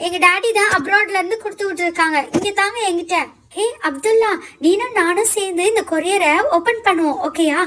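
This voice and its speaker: Stubborn, boastful schoolgirl doll , a woman doing the voice, pitched very high. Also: brisk, few pauses, a bit bright. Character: bossy sulking schoolgirl Fouziya. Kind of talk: doll show role-play.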